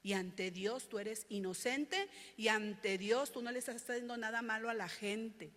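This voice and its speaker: A woman's voice: fairly high pitch, measured pace, fairly bright tone. A woman pastor with a Mexican accent, preaching a sermon and calling out to the brothers and sisters with rising, emphatic stretches. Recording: long hall reverb.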